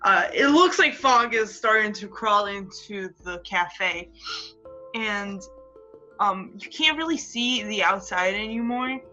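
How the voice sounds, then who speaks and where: A woman's voice: mid-range voice, lively intonation, slow pace, sharp tone, highs cut off, soft background music. A woman narrating a tabletop game as game master, with rambling descriptions full of fillers.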